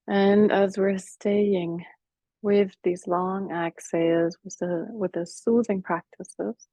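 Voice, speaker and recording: Slow, soft-spoken woman guiding breathwork. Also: medium pitch, dry recording, highs cut off. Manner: soft, slow, soothing guidance with whispered cues. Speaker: breathwork teacher. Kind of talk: guided breathing meditation.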